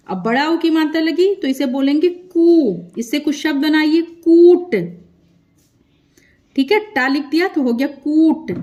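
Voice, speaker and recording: A woman teaching a children's script lesson, slow and patient, stretching out syllables and repeating sounds for learners. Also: sits high, darkish tone.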